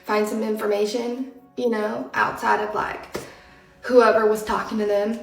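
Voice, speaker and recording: A woman telling a story in a chatty, animated way. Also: mid-range voice, unhurried, gravelly, reverberant, recorded from a distance, faint music behind, poor audio. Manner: chatty, animated, acts out quoted lines in hushed whispers. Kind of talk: casual storytelling.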